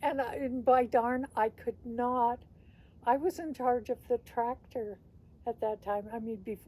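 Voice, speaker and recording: A woman's voice: on the high side, fairly even intonation, measured pace, a little mellow. An older woman reminiscing casually as a sweet, folksy grandmother, rambling through family stories and often chuckling. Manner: chuckles often while talking.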